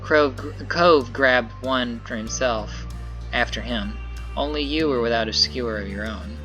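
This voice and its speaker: A man's voice: medium pitch, a little slow, pushed and bright, soft background music. A man playing through a visual novel, reading the narration aloud and adding casual comments on his choices. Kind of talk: story game playthrough with commentary.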